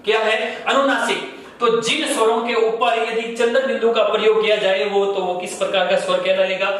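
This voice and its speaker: A man's voice: high-pitched, flat delivery, normal speed, fairly bright tone. Echoey teacher drilling terms, man. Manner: asks questions and answers them himself, repeating key terms. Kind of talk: classroom grammar lesson. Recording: very echoey room, far from mic, faint noise.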